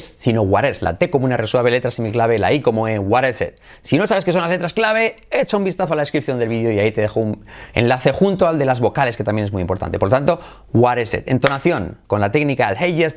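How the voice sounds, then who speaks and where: A man with a Spain Spanish accent teaches English to learners on video. He is energetic and drills each phrase through steady repetition. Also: medium pitch.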